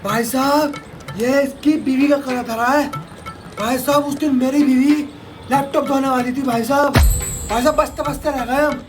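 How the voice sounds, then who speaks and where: A man's voice: extremely high pitch, steady tone, moderate pace. A man playing a gossipy meddling neighbor. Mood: gossiping. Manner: repeats "brother" every phrase, gossipy. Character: gossiping middle-aged male neighbor, meddling and insistent. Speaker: comedy sketch actor. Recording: loud background music.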